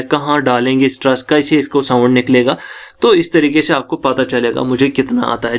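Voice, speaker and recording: A man with a Kashmiri accent teaching an English lecture in Hindi, reading English passages slowly and then explaining them. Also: a little high.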